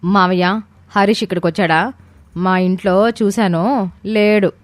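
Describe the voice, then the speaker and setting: A woman voicing a proud, quick-tempered wealthy young mother who scolds and shouts in a storybook. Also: mid-range voice, steady tone, dry recording, close to an everyday voice. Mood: curt. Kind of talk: storybook character voice.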